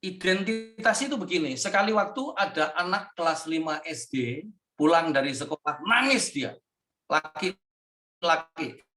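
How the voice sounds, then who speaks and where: A man's voice: on the high side, animated, measured pace, bright, forceful tone, faint music behind. A male pastor preaching emphatically at a workshop for youth and parents, acting out quoted voices. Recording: echoey hall, far from mic.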